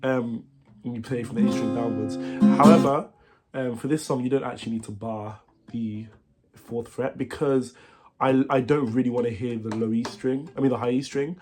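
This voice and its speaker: A man with a cold, sounding nasal and congested, teaching a guitar song in a halting, casual way with many fillers and self-corrections. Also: medium pitch, fairly even intonation. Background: guitar playing.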